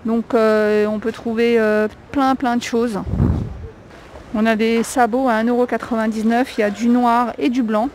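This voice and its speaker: A woman's voice: a little high, flat delivery, normal speed, a little mellow, a little hiss or hum, rough recording. A woman with a non-native accent in French, chatting casually and hesitantly as she films a walk through a discount store, listing prices with many fillers. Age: adult with a young child. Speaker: shopping vlogger. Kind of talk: casual store walkthrough vlog. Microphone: handheld camera.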